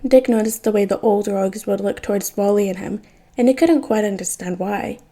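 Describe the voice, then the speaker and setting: A woman narrating a fan fiction story aloud as a podfic reader, in a steady storytelling way. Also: medium pitch, brisk.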